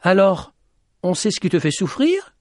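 A man voicing a curious young boy in a read-aloud storybook, asking high, eager questions. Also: big pitch swings, normal speed, dry recording, studio quality. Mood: eager questioning.

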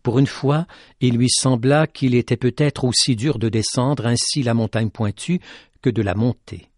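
A man narrating a tale in an expressive, dramatic reading style. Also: medium pitch, normal speed, no echo, clean studio sound. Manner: dramatic, rising with tension. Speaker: storyteller.

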